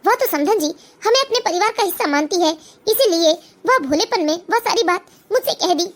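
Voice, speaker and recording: A trusting middle-aged mother-in-law speaks gently and softly, voiced by a woman. Her high cartoon voice sounds kind-hearted and easily hurt. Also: animated, a little fast. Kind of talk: cartoon voice acting.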